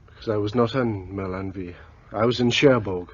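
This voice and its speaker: A man's voice: on the low side, a little fast, breathy edge. An actor playing a guarded, defensive young man in a radio play. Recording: dull lo-fi sound.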